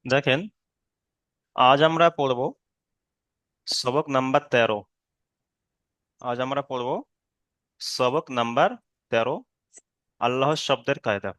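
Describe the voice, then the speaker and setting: A man teaching Quran recitation rules in a patient online lesson, explaining slowly, checking in with students, and drawing out chanted examples. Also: mid-range voice, steady tone, fairly bright tone, no echo, studio quality. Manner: drawn-out chanted Arabic examples.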